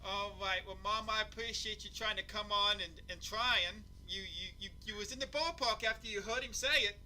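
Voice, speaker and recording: A man hosts a casual live-streamed chat, teasing his guests in a laid-back way. His voice is high and strikingly bright. He keeps things relaxed and friendly. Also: normal speed, a little hiss or hum, poor audio. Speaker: host.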